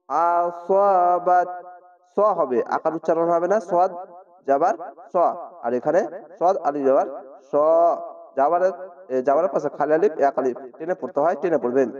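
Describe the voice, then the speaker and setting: A man teaching Quran reading in Bengali, spelling out each syllable and then chanting the whole word slowly and drawn out. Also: on the high side, darkish tone. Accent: Bangladeshi Bengali. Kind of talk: slow spelled-out recitation lesson. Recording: distant dull lo-fi recording.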